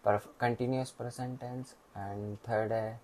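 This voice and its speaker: A young man reciting lesson answers in a halting, hesitant way. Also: medium pitch, steady tone, a little mellow, a little hiss or hum, low-quality recording. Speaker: student.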